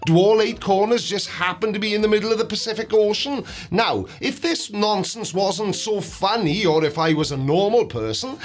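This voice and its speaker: Male commentator, high voice, sarcastic and mocking debunk style, light music underneath. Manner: sarcastic, mocking, dry asides. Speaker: host of a debunking video.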